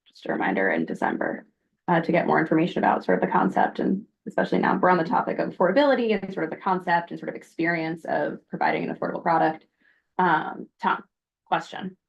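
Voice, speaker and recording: A woman chairing a community board committee meeting, giving brisk procedural directions. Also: low voice, gravelly, slightly rough, highs cut off.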